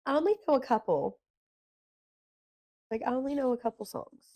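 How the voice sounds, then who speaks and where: A woman's voice: high-pitched, lively intonation, moderate pace, warm tone. A young woman co-hosting a podcast, chatting casually and teasing her sister with dry banter. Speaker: podcast co-host. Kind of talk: casual chat.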